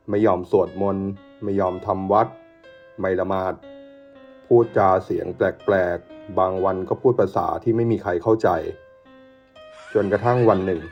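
Low-voiced man telling a ghost story. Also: creaky. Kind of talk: first-person ghost story narration. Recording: dull lo-fi sound with soft music.

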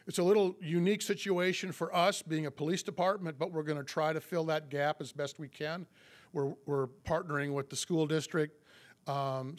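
A police chief in his fifties, still recovering from a cold, gives a public address at a podium mic in a meeting room. His voice sits fairly high, and he halts often, full of fillers and restarts.

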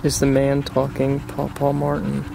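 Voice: medium pitch, monotone, normal speed, vocal fry. A person talking to a ghost on a casual paranormal investigation in the woods, asking questions aloud and repeating them. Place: outdoors in woods at night. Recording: noisy outdoor recording with ambient noise.

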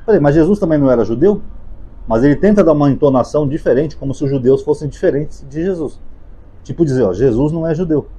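A Brazilian man talks through the gospels in an easy, unscripted way, tossing in little fillers as he goes. His voice is very dark and mellow, with a husky edge. He speaks quickly, moving from point to point. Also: on the high side. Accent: Brazilian Portuguese. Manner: conversational, many fillers like "né" and "tá". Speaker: YouTube Bible commentator. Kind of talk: casual spoken lecture on the gospels.

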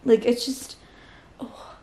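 A woman's voice: takes it slowly, warm tone. A young Australian woman chatting frankly and casually about a book she is reading, swearing freely and saying "like" often. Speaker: book vlogger. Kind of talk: casual reading vlog chat. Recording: roomy echo.

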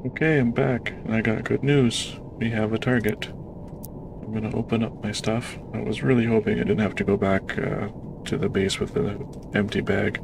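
A man giving casual, self-deprecating commentary while playing a submarine game, in a monotone way. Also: lowish voice, moderate pace, vocal fry. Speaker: gamer playing a submarine sim. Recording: noisy game audio behind voice.

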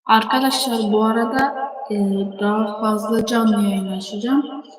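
A woman streaming a chess game, talking slowly with many fillers, her voice coming through with a heavy echo. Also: a little high, fairly even intonation, crowd noise. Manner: slow, halting, with many fillers. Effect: heavy echo on the stream audio. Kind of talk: casual live-stream commentary. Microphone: streaming setup through broadcast software. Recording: echoey, hollow stream audio.

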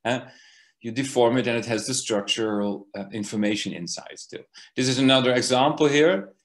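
Male lecturer, hesitant, lots of ums and restarts, mid-pitched voice, explaining slides. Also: normal speed. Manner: hesitant, many fillers and restarts. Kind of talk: academic lecture.

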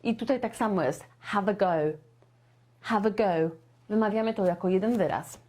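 A young woman teaching English in a live online lesson, lively and chatty, often turning to her viewers and acting out everyday dialogues. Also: mid-range voice, moderate pace.

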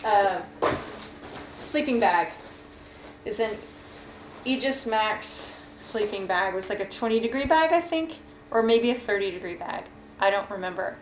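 Speaking frankly and padding her talk with fillers, a woman in her thirties who vlogs about hiking runs through a casual gear review from her kitchen, filmed on a desk webcam. Her mid-range voice is animated and unhurried. Slight background noise and faint ambience fill the echoey room.

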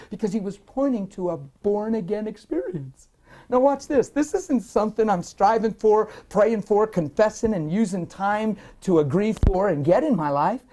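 A man in his forties giving an emphatic, animated personal testimony while seated in an interview, often breaking into laughter between points. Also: sits high. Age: 40s. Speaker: interview guest, minister. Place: indoor lounge-style set, seated in armchair.

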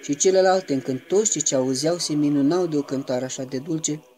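A man giving a reverent, measured devotional reading that slips into chanted intoning at times. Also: a little high, dark tone, a little hiss or hum. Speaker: reader of a saint's life.

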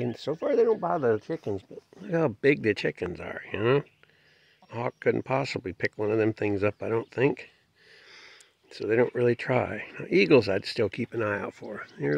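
A folksy man with a gravelly, creaky voice, narrating his farmyard on a handheld phone. The sound is dull and lo-fi, with chickens and outdoor noise behind him. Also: medium pitch, normal speed. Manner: relaxed, folksy, talks to animals. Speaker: homestead vlogger. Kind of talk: casual narration while filming. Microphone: phone camera held by the filmer.

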